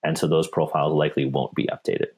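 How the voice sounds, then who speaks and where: Very deep, husky-voiced man. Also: fast. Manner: relaxed, with frequent repeats and restarts. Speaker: paper company technical specialist. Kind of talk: webinar Q&A, answering viewer questions.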